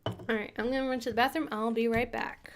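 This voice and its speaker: A woman's voice: a little high, steady tone, fast, a little hiss or hum. A woman streamer working through a trivia quiz, thinking aloud in a rambling, casual way and answering chat messages.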